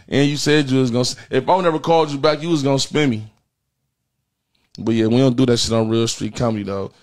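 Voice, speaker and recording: An American man in his thirties runs a comedy livestream in an indoor studio set against a printed backdrop, speaking quickly in a medium-pitched, steady, slightly mellow voice. His banter stays casual, profane, repetitive, and full of slang.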